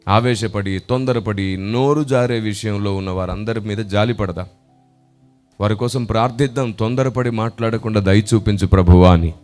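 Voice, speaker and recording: Man preaching emphatically over soft music. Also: fairly low pitch. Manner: emphatic preaching that swells to loud exclamations; acts out the voices of people in his stories. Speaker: pastor. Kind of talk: sermon with storytelling.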